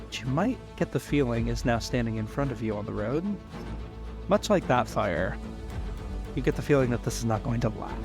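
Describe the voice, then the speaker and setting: Male game master, playful, average pitch, dramatic slow narration, soft music bed. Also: lively intonation. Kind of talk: running a tabletop game, casual.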